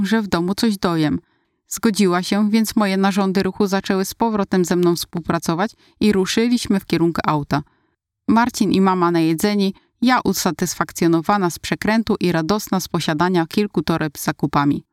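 Low-voiced woman reading a story. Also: darkish tone, no room sound, studio quality. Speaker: audiobook narrator. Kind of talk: first-person scripted narration.

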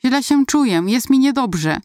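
A woman's voice: sits high, animated, a little slow, darkish tone, no echo, clean studio sound, pitched above the performer's own voice. Woman doing a weak frightened young girl. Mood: hesitant. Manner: weak, hesitant. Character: frightened sick eleven-year-old girl.

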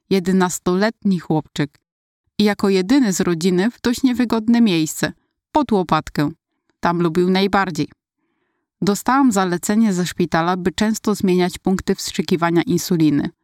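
A woman reading her own childhood story aloud, in steady, even narration. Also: medium pitch, moderate pace, no echo, clean studio sound. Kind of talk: read-aloud personal story.

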